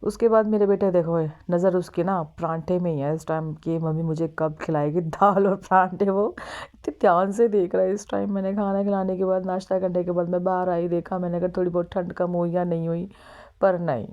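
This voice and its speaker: Young mum vlogger, low mellow voice, chatty and exclaiming, dull lo-fi home recording. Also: female voice, steady tone, fairly quick. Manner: chatty, exclaiming, talking to viewers. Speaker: vlogger and mother. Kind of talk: casual vlog narration of her day. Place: at home, moving between rooms and outside.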